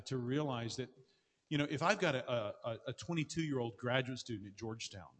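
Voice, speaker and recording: A man, a pastor, answering audience questions in earnest, quick speech with frequent restarts. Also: mid-range voice. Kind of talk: conference Q&A answers. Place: large hall with an audience. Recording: long reverb of a large hall.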